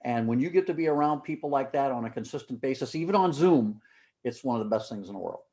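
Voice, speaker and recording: A man's voice: medium pitch, expressive, fast talker, dark tone. Effusive man hosting a video call. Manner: effusive, praising. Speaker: team leader hosting a coaches' video call. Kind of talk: casual group video call.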